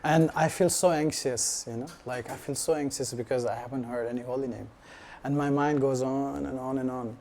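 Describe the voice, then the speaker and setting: Mellow-voiced man, halting and casual. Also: medium pitch. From Nepal. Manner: relaxed and halting, full of 'you know' fillers. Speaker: devotee sharing his practice at a gathering. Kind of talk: casual personal testimony.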